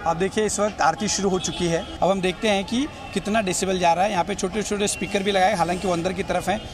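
Music runs under this high-pitched, steady-toned man who speaks fast as he reports from the city streets. A television news field reporter, he explains and points things out directly to viewers in a noisy outdoor spot with traffic.

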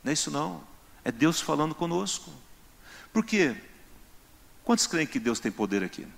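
Gravelly-voiced male preacher. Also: on the high side, sing-song, moderate pace. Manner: acts out dialogue, swings between loud and hushed. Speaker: pastor. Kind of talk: sermon.

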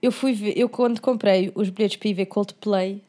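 A woman's voice: medium pitch, steady tone, normal speed, mellow. A young woman with a European Portuguese accent chatting casually as a podcast co-host, slangy and mixing in English words. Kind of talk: casual chat.

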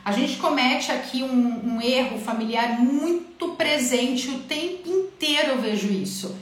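A woman giving an animated talk to viewers, asking them questions and acting out what parents say. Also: high voice, measured pace. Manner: animated, asks listeners questions, acts out parents' lines. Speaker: speaker on eating habits. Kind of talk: live-stream talk to viewers. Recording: very echoey room.

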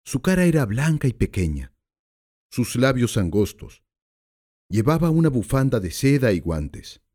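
A man narrating an audiobook in a measured storytelling way. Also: medium pitch, very animated, dark tone.

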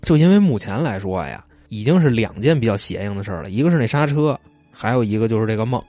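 A man's voice: on the low side, lively intonation, quick pace, warm tone, no echo, faint music behind. A man, telling stories in a casual chat, retelling them loosely with asides. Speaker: storyteller.

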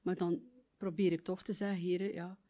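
Lady from the congregation answering, kinda unsure, lowish mellow voice. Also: flat delivery, moderate pace. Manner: hesitant, searching for words. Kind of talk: answering questions in a church setting.

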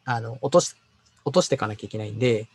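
Male designer, halting casual talk, raspy texture. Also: mid-range voice, dry recording. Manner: hesitant, many fillers and stumbles. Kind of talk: casual work conversation.

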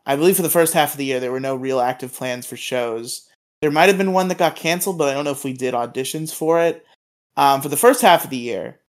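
A male podcast co-host in casual conversation, rambling through his stories. He stammers and restarts his sentences as he goes, at an ordinary middle pitch. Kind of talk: casual chat.

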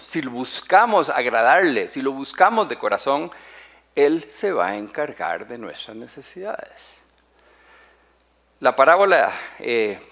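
A male pastor delivers a sermon in a lively voice whose pitch swings widely. He hammers his points by repeating and slowing key phrases. He keeps putting rhetorical questions to the congregation.

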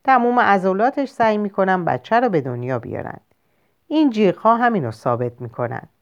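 A woman voicing a calm male country doctor and father in a storybook reading, patient and matter-of-fact as he explains. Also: mid-range voice, lightly acted. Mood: explaining. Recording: lo-fi muffled recording.

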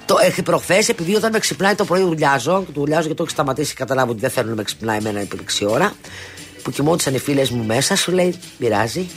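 Lively animated woman telling stories. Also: sits low, soft background music. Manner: animated storytelling with restarts and acted quotes. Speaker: talk show co-host. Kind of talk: casual chat.

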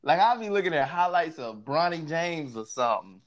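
A young man co-hosts in a laid-back bro style, chatting casually with slang and jokes. His voice is on the high side, expressive and a little fast.

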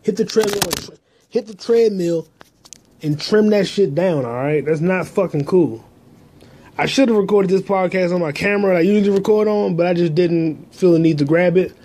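Brief: male podcast host, mellow husky tone, crude rambling talk into a handheld phone. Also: high-pitched, moderate pace. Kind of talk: casual solo monologue. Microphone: phone held in hand.

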